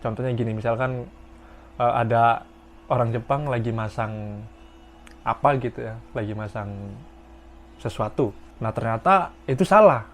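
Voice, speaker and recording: A man's voice: mid-range voice, unhurried, pauses often. A young man from Indonesia who works in Japan, telling stories to his viewers in a casual vlog. He repeats points for emphasis. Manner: repetitive, emphatic storytelling addressed to viewers. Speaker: vlogger working in Japan.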